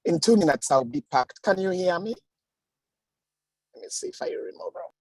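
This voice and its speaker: A woman speaking as a webinar guest on a video call whose connection keeps breaking up. She talks haltingly, with pauses and fillers. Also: on the low side, expressive, a little mellow, slightly rough, dry recording. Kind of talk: casual spoken account over a video call.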